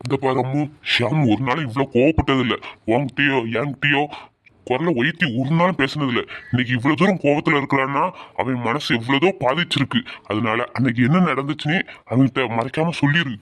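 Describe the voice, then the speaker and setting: A man's voice: medium pitch, brisk, a bit bright, voice pushed down, lightly acted. A man playing a stern middle-aged father who firmly rebukes his wife in a family drama skit. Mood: grave. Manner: firm, reproachful.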